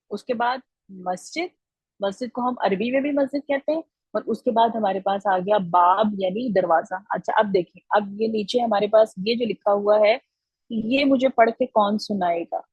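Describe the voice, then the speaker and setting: A woman's voice: medium pitch, breathy edge, no room sound, highs cut off. A woman teaching children in an online class, patient and encouraging, repeating each answer back to them.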